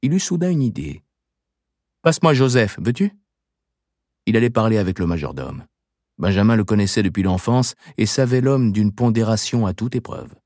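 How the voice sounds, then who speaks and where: A man reading a novel aloud as audiobook narration, with measured, varied delivery. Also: on the low side, sing-song, warm tone, no echo, studio quality. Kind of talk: scripted narration.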